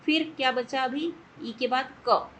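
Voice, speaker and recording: Woman, teacher, slow, patient, repeats for clarity, faint background noise. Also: sits high, a bit bright, poor audio. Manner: patient, repeats and checks understanding; mixes English words into Hindi. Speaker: Sanskrit teacher. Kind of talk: step-by-step lesson explanation.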